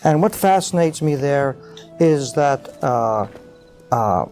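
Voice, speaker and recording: A middle-aged man as an interview guest, talking thoughtfully with many pauses and fillers, explaining ideas with rising animation. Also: medium pitch, lively intonation, a little mellow, soft background music. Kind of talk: reflective interview conversation.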